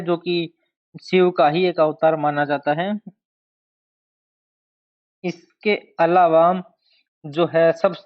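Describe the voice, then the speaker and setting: Male teacher, fairly high voice, exam-prep lecture, drills key terms, dull lo-fi recording. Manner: slow, deliberate, repeats key terms to drill them. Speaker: history teacher. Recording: dull lo-fi sound.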